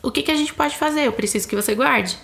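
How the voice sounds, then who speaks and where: Brazilian woman explaining gentle parenting. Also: high-pitched, fast talker, gravelly. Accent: Brazilian Portuguese. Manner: thoughtful, explains with examples, acts out things said to a child. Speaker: mother discussing parenting. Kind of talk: casual chat.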